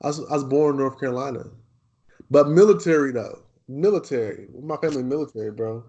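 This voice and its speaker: A man in his twenties who grew up in Texas co-hosts a casual podcast, laid-back, repeating himself and laughing easily. He talks fast in a medium-pitched, warm voice, though the audio is dull.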